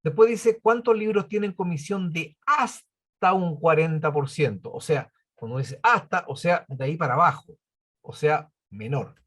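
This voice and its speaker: Man doing a spreadsheet tutorial, kinda husky voice, counts stuff out loud slowly. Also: fairly high pitch. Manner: patient, counts aloud step by step. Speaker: computing teacher.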